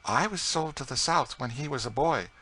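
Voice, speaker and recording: Man voicing an eager, high-pitched proud lady. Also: normal speed, pushed and bright, husky, full character voice. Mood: proud, earnest. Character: French lady, emotional, proud, eagerly questioning.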